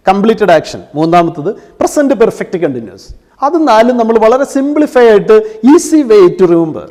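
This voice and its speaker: A man with a high voice teaching English grammar to exam students. He explains step by step, asks questions and answers them himself, and drops English terms into his talk. His voice rings with the long reverb of a hall. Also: a little mellow. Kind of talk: classroom-style lesson.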